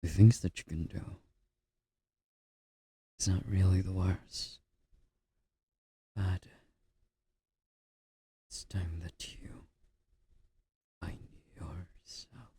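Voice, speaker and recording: A man doing an ASMR role-play as a comforting boyfriend, speaking in a soft, breathy, intimate murmur with a husky, gravelly edge, close to the microphone. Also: sits low, steady tone, no echo. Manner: slow, gently reassuring boyfriend-style comforting.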